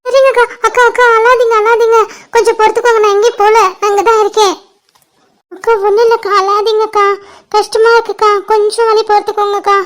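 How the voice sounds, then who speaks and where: A woman's voice: very high-pitched, little pitch movement. A woman voicing an anxious younger girl who keeps reassuring her sister in a cartoon. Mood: anxious soothing. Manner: soothing, hurried reassurance. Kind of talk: cartoon voice acting.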